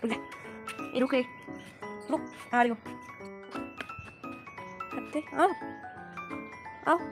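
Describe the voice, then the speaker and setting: A high-voiced teenage girl films a casual vlog on her phone, joking at her own expense and mixing English into her talk. Faint music plays under her voice. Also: very slow. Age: teens. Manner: chatty, self-mocking, mixes English into Hindi. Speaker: student vlogger. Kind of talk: casual Hinglish vlog chat. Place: outdoors on a morning walk, later at home.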